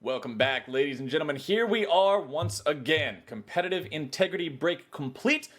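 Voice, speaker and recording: A man's voice: a little high, expressive, normal speed, a bit bright. A man doing live esports play-by-play commentary with casual banter, in a jokey, colloquial showman's manner.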